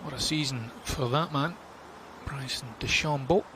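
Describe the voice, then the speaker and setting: A man's voice: mid-range voice, unhurried. A man giving live commentary on a golf tournament. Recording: clear outdoor ambient noise.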